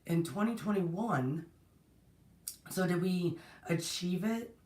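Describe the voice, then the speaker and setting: A lowish, animated woman takes it slowly on her spiritual livestream, voice strained and partly lost as she rambles, restarts many times, and greets viewers warmly. She's the platform's host, heard far off through a distant, unset mic in an echoing room.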